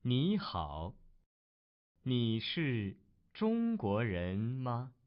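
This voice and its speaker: A man reading the part of a learner in a slow textbook dialogue, articulating each word carefully. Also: mid-range voice, wildly swooping pitch, heavily acted. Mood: plain. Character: adult male learner named Tim. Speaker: dialogue reader. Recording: dull lo-fi recording.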